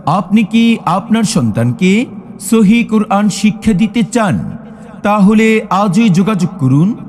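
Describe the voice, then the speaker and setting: High-voiced male announcer booming over a PA system. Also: animated, a little mellow. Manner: slow, drawn-out, emphatic repetition. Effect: booming public-address style reverb. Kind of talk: promotional loudspeaker announcement. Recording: long hall reverb with background music.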